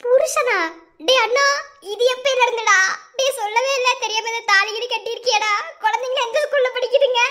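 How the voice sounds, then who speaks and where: A woman playing a shrill, jealous young woman. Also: steady tone, bright, forceful tone. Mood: teasing. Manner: scolding, shrill and quick. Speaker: comedy skit actor. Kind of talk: comic sketch acting.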